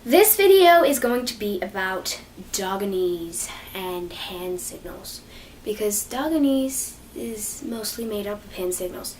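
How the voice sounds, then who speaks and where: A woman's voice: medium pitch, expressive, unhurried, darkish tone. A young woman talking casually to camera about training dogs, rambling, apologizing and laughing at herself. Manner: rambling, self-deprecating, giggly. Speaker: dog training vlogger. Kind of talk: casual unscripted vlog. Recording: distant mic with faint noise.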